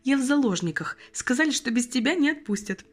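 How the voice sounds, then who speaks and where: Female reader voicing a soft, polite young woman, lively in pitch, in an audiobook. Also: fairly quick, soft background music. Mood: shy. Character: gentle young woman, orphanage graduate.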